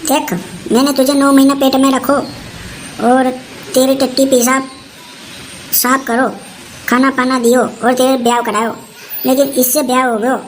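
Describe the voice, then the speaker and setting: A woman's voice: high-pitched, level tone, unhurried, pauses often, slight background noise, low-quality recording. A woman playing a nagging old mother-in-law. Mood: scolding. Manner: scolding, threatening, rustic dialect. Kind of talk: comic family skit.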